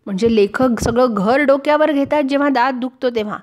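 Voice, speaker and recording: A woman's voice: sits high, fairly quick. A woman teaching a class, reading a funny passage aloud and explaining it line by line. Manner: reads a passage aloud, then explains it in plain words and acts out the dialogue. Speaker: Marathi teacher. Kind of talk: reading and explaining a humorous lesson text.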